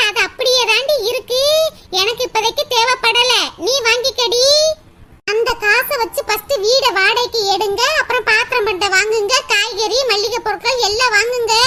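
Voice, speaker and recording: A woman voicing a bossy but kind-hearted village woman in a cartoon, scolding and comforting with laughs. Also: very high voice. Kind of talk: cartoon voice acting. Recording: loud background noise.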